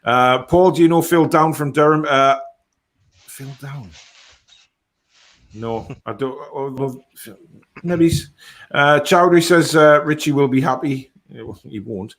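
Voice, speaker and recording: Casual male football stream host, mid-pitched. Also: slow pace, long pauses. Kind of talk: casual chat, reading out viewer comments.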